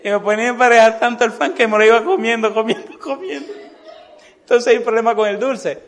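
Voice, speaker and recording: A male preacher telling a story in a sermon, animated, who keeps asking his congregation to answer yes or no. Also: very high-pitched, quick pace. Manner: animated, repeatedly asks the congregation "sí o no".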